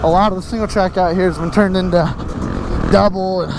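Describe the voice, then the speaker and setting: An out-of-breath man hosting a casual riding vlog on a desert trail, energetic and whooping as he talks from a helmet mic. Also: high-pitched, brisk. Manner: energetic, whooping, laughing between sentences. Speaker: host. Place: outdoor desert trail, riding a dirt bike. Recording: loud engine and wind noise.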